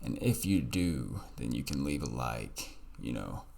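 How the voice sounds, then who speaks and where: A man with an extremely low voice full of vocal fry talks on and on in a loose late-night monologue. He is candid and meandering, drops casual swear words, and speaks to his listeners as if they were friends sitting with him at home. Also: big pitch swings, measured pace, darkish tone. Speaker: vlogger.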